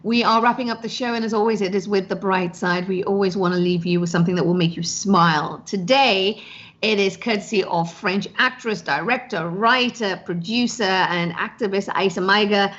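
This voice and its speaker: A woman hosting a live online news and chat show, talking in a relaxed, conversational way with small fillers. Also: medium pitch, moderate pace, dull audio. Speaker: show host.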